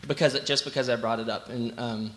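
Flat-voiced man sharing advice haltingly. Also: mid-range voice. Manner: hesitant, many fillers. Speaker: church member guest. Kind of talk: onstage testimony.

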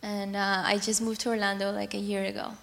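A woman's voice: medium pitch, little pitch movement, fairly quick, vocal fry, a bit bright, a little hiss or hum. Chatty young woman in an echoey hall. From Colombia. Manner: chatty, laughing often. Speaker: church member guest. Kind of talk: onstage testimony.

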